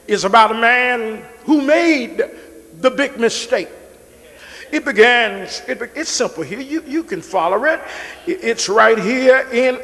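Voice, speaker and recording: A middle-aged pastor's very high, pushed, bright voice fills a large hall as he preaches from behind the pulpit of a big church sanctuary. He draws out and repeats words, urging the congregation to answer back.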